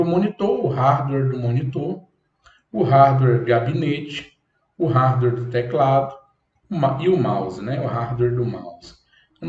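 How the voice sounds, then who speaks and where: A man teaching a computer course, explaining step by step and checking in with "ok?" often. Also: a little high. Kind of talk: classroom lecture. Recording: echoey room, dull lo-fi sound.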